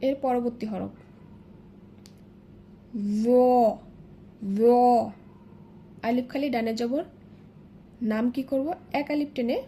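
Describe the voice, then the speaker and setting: A woman teaching Arabic letters in a slow, step-by-step lesson, patiently repeating each sound several times. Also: fairly high pitch, mellow, slight background noise.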